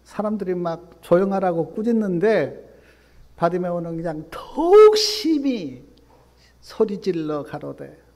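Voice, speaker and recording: A male pastor preaches in a fairly high, mellow voice. He drops to soft, low asides, then rises to loud, emphatic appeals. His voice carries a long reverb from the church hall. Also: very animated, measured pace. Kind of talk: sermon.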